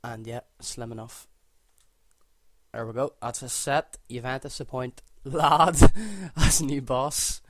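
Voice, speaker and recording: A Northern Irish man with a mid-range voice speaks slowly and without echo, chatting casually through his choices while setting up a football game. He's a gaming video creator, relaxed and thinking aloud, frequently correcting himself mid-sentence.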